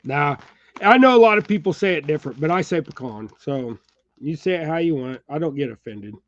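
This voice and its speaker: A middle-aged man with a slight Texas-tinged American accent rambles along in easy, chuckling chat, speaking to his viewers by name. His voice sits a little high for a man. The recording is dry and a bit muffled. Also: lively intonation, fairly quick, no room sound. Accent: Texas-tinged American, says y'all. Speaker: channel host. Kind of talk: casual chat while tying jigs. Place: home workshop.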